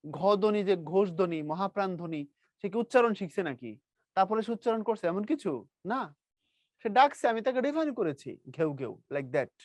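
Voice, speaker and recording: A man teaching a grammar lesson to a class in a lively, teasing way, quizzing his students. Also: high voice, brisk, no echo.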